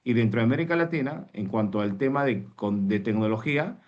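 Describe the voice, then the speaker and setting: A man's voice: on the low side, a little fast. A male teacher from Peru giving an online reading class, explaining step by step and often asking himself "what?" before he answers. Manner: explains step by step, asks himself rhetorical questions; tags lines with "¿no?" and "mis estimados". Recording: dull lo-fi sound.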